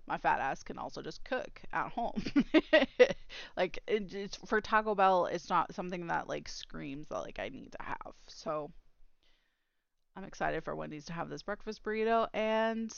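A woman's voice: lowish voice, expressive, measured pace, creaky, no room sound, dull audio. A woman co-hosting a podcast in casual chat, rambling and trailing off into fillers. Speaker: podcast co-host.

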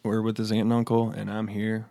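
A man's voice: on the low side, completely flat delivery, brisk, creaky, mellow. A young adult man co-hosting a casual chat. He is talkative, jokes loosely and laughs easily. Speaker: co-host.

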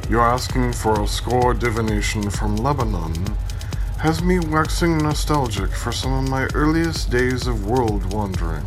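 A man's voice: mid-range voice, animated, measured pace, background noise, natural voice. A man playing a pompous, self-satisfied ancient soothsayer, delivering a grandiose, theatrical comic monologue. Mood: boastful, nostalgic. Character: pompous 3,500-year-old world-wandering male soothsayer, self-satisfied and theatrical. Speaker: prognosticator giving a match prediction. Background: electronic music.

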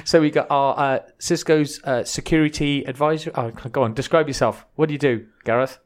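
A man's voice: medium pitch, fairly even intonation, a little fast. A man with a Welsh accent hosting a podcast in a chatty, joking way, often restarting his sentences. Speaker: podcast host. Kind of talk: casual podcast chat.

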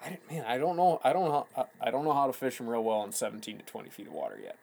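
Gravelly Minnesota man hosting. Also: medium pitch, very animated, racing, darkish tone. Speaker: podcast host. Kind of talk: casual chat.

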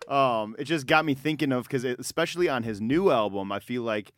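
A man's voice: mid-range voice, a little fast, fairly bright tone, no room sound. A man co-hosting a music podcast, chatting casually with lots of fillers and easy swearing. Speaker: podcast co-host.

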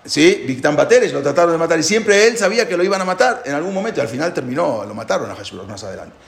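A man's voice: on the high side, expressive, quick pace, creaky. A man teaching a religious lesson as a story, retelling it with animation and acting out the characters' dialogue in different voices. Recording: roomy echo.

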